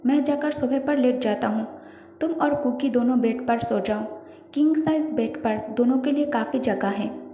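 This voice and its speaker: A woman voicing a calm, matter-of-fact young husband in her own voice, recorded in an echoey room with faint music. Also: on the high side, normal speed, slight background noise, lightly acted.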